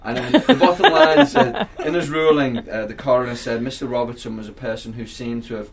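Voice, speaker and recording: A man's voice: medium pitch, lively intonation, fairly quick, a loud crowd. An Irish man telling a news story in casual chat, laughing as he goes and swearing freely.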